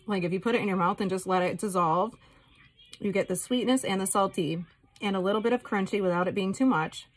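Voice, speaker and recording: A woman's voice: medium pitch, fairly quick. A woman vlogger talking casually and candidly, in a rambling, informal way. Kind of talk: casual chatty vlog.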